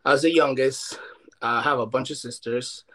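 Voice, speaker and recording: A man's voice: mid-range voice, fairly even intonation, normal speed, a bit bright. Chill young chef guy from ecuador, stoked and easygoing. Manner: laid-back, enthusiastic, many fillers. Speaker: chef guest. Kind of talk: casual interview chat.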